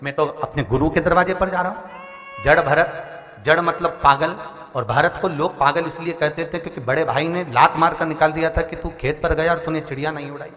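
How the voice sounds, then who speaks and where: A man delivers a sermon, storytelling with lively exhortation and acting out each figure. His voice is bright and sits a little high. The sound rings through a large reverberant space with faint music beneath. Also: a little fast. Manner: animated storytelling, voicing characters, exhorting the audience. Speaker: preacher telling a religious story. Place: large outdoor tent before a crowd. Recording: echoey hall with long reverb.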